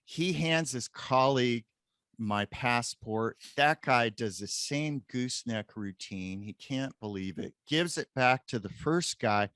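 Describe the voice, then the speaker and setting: A man in his late fifties, a professor guest in a casual interview, telling an animated story. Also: medium pitch, takes it slowly, clean tone, dry recording.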